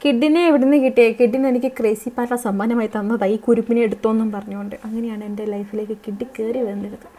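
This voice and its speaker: A woman's voice: a little high, steady tone, quick pace, hardly any pauses, dark tone, slight background noise. A young woman, chatting and teasing as she streams a game for her viewers. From Kerala. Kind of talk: live gameplay stream chat.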